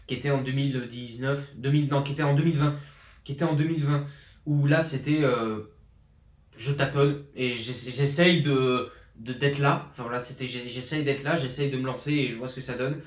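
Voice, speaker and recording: A man's voice: medium pitch, fairly even intonation, fairly quick, reverberant. A man, a fitness coach talking through his year in an informal vlog, rambling with many restarts and fillers, fired up. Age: 20s. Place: his flat in an apartment building. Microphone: borrowed pro journalist mic.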